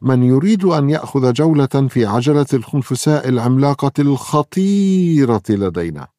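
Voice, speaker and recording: A man's voice: medium pitch, animated, normal speed, dark tone, no room sound, studio quality, voice pushed up, natural voice. A man voicing a playful young woman who guides visitors at a fairground ride, putting on a mock-spooky, showy tone. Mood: teasing.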